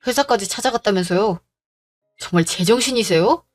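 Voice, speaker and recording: A woman voicing a gentle, devoted young man who pleads softly, in a storybook drama reading. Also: mid-range voice, brisk, soft background music, close to an everyday voice. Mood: upset. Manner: pleading, soft-spoken.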